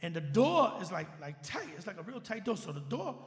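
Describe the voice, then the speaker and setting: A man, a DJ guest telling a story and acting out every line of dialogue with big swings in pitch. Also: very animated, fairly quick. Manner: acts out quoted dialogue with big jumps in pitch. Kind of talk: animated storytelling. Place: live-stream studio. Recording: echoey studio with long reverb.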